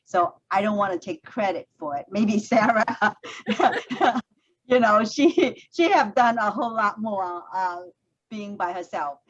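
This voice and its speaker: Hosting a conversational interview over a video call, a Vietnamese woman speaks thoughtfully at a measured pace in an animated, mid-range voice, using plenty of fillers. The audio is dull and lo-fi, with faint noise.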